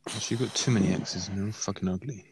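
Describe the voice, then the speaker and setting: A man's voice: sits low, fairly even intonation, very fast, background noise. A teenage boy with a British accent, teasing his friend with crude banter over an online call. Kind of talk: casual chat.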